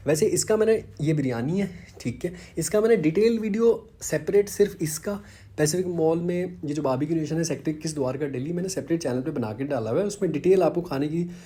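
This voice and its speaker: Chatty man with a mellow voice. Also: a little high, brisk, slightly rough. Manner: chatty, peppers speech with "bhai sahab"; mixes English phrases into Hindi. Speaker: vlogger. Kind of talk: casual vlog walkthrough narration.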